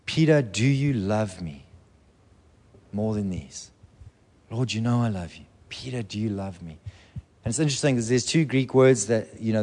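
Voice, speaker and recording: A man preaching a sermon with passion, slipping into the voices of biblical figures as he tells their stories. His voice, mid-pitched, rings out with long reverb through a large church hall. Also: darkish tone. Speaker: pastor.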